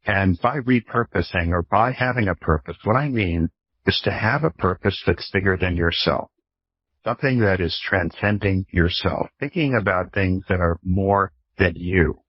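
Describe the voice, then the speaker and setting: A professor and author in his fifties appears as a guest expert, explaining ideas conversationally through examples, anecdotes and rhetorical questions. His voice is lowish and somewhat rough, and he speaks at a moderate pace. The audio is dry, a little dull and lo-fi like a call, with no room sound.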